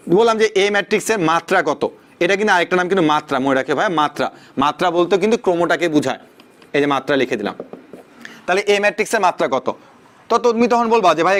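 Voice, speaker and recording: A young man with a high, light voice runs a math lesson with a Bangladeshi Bengali accent. He keeps asking the students rhetorical questions and drops in English words as he explains. His delivery is quick and chatty. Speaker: math tutor. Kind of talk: online class lecture.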